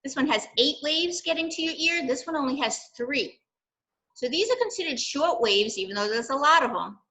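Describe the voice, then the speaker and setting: An older woman with a bright, fairly high voice, leading a children's science lesson. She explains each step gently and checks in with "okay" and "right." She also reads aloud from a storybook. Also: expressive, normal speed, poor audio. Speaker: library science program leader.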